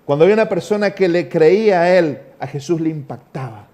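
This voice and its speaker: A male Argentine pastor preaching with a noticeably high voice. His tone is mellow and dark rather than bright, and he stretches key phrases slowly before letting them fall low and soft. He speaks with an Argentine Spanish accent. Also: lively intonation. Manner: emphatic preaching with slow, drawn-out phrases that drop to low, quiet endings. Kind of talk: sermon.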